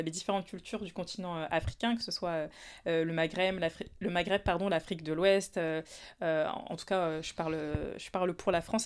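A woman hosting a podcast, asking questions in a hesitant way with many fillers. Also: on the low side. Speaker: podcast host. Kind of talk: casual interview chat.

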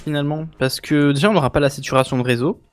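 A man's voice: fairly high pitch, rapid-fire. A man co-hosting a casual tech podcast, giving his view tentatively and thinking aloud with restarts. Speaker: podcast co-host.

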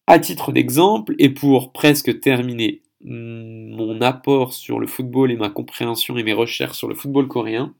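A man from France talks alone into the mic for his podcast episode, laying out what he has found in his research. His voice has a gravelly, fry-laden edge at an ordinary middle pitch. He thinks aloud and often stops to correct himself mid-sentence. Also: darkish tone. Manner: explanatory, thinking aloud with frequent self-corrections. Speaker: podcast host. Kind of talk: solo podcast monologue.

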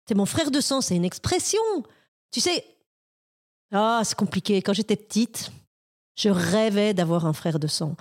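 A woman's voice: medium pitch, expressive, a little slow, pauses often, natural voice. A woman playing a sentimental friend in an improv scene, talking in a tender, rambling way. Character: sentimental woman dreaming of a blood sister.

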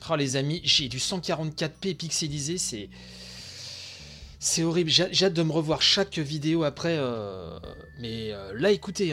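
A tired man hosting a podcast, giving chatty, excitable live commentary on a video stream, full of fillers and asides. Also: a little high, slight background noise. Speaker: podcast host.

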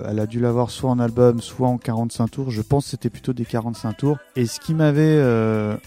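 A man's voice: mid-range voice, steady tone, brisk, mellow, soft background music. A man co-hosting a podcast about old records, talking casually, chatty and teasing with frequent laughs. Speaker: podcast co-host. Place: recorded together in person.

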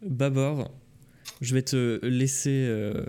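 A young man hosting a live stream, talking in a relaxed, chatty way with lots of fillers and easy laughter. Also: mid-range voice, slow pace, smooth. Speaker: host. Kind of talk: casual live-stream chat.

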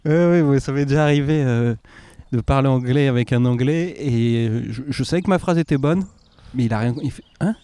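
A man's voice: mid-range voice, a little fast, hardly any pauses, mellow, smooth, no room sound. A man from co-hosting a podcast, chatting casually, self-mocking and laughing, swearing offhandedly. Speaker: podcast co-host. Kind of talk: casual chat.

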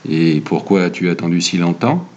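A man's voice: low-pitched, normal speed, darkish tone, dull audio, pitched below the performer's own voice, natural voice. A man voicing a curt, gloomy holidaymaker. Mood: aloof. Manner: curt, grudging, imperious. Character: gloomy lanky male holidaymaker, curt and haughty.

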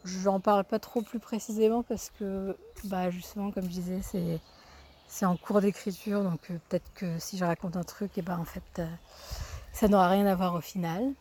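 Halting French woman leaving a voicemail. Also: medium pitch, steady tone, warm tone. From France. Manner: halting, searching for words. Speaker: guest animation director. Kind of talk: casual voicemail message. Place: artist residence in rural southern France. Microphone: phone voicemail.

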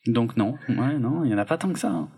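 A man's voice: mid-range voice, animated, quick pace, mellow, husky. Laid-back rambling man chatting about films. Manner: rambling, laid-back, lots of filler and hedging. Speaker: podcast co-host. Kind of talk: casual film review chat.

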